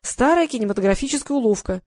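Brisk crew woman, read by a woman, businesslike, matter-of-fact, dry recording. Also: fairly high pitch, animated, a little mellow, no echo.

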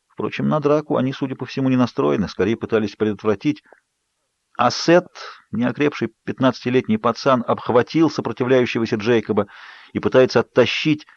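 A man narrating an audiobook in a measured, low-key way. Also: a little mellow, no echo, dull audio. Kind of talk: scripted narration.

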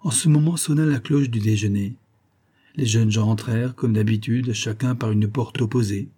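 Male audiobook narrator, measured, husky, dark tone. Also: mid-range voice, steady tone. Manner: measured storytelling. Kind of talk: scripted narration of a novel.

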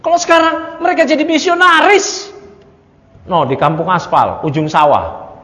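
Male religious teacher, high voice, animated lecturing with rhetorical questions; dull recording in a reverberant hall. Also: moderate pace. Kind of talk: study-circle lecture on a creed text. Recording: echoey hall, dull lo-fi sound.

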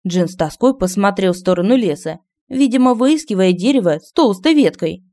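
A woman narrating a humorous fairy tale as an audiobook reader, lively and expressive. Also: mid-range voice, fairly quick. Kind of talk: scripted narration.

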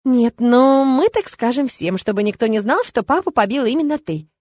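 A woman voicing a young queen and mother who speaks softly and patiently, with light teasing. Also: a little high, animated, brisk, husky, no room sound.

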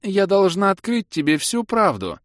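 In a studio-quality recording with no room sound, a man voices a stern, commanding noblewoman who speaks sharply and hisses. His mid-range delivery is very animated and fairly quick, pitched above his natural voice yet close to an everyday tone.

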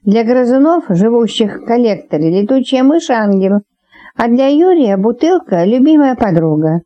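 A woman narrating an audiobook, reading lively and shifting her pitch to voice each character. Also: normal speed, lo-fi sound.

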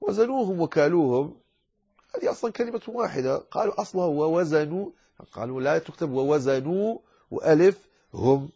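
A man's voice: on the high side, lively intonation, fast, warm tone, slightly rough. A man teaching Quran recitation rules in a lecture, explaining patiently and addressing his listeners as brothers. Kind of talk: classroom lecture explaining a verse text. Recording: dull lo-fi lecture recording.

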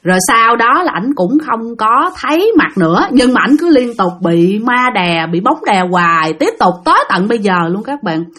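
Woman, Southern Vietnamese accent, casual ghost story narration, chatty, talks to listeners, somewhat high voice. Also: very animated, moderate pace, few pauses, a bit bright. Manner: chatty, addresses listeners directly.

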